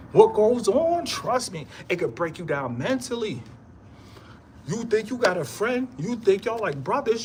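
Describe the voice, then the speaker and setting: Laughing into his words, a man with a very high-pitched voice vlogs a rambling motivational monologue. He says the same things over and over, forcefully and in streetwise slang, over a faint hiss or hum.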